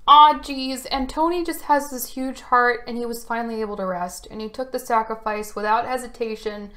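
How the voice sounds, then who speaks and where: A woman's voice: fairly high pitch, moderate pace, bright, forceful tone. A woman talking casually to camera about a film at home, chatty and getting emotionally choked up at moments. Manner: emotional, chatty, choking up at times. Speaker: video reviewer. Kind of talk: casual chat. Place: home room. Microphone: camera facing speaker.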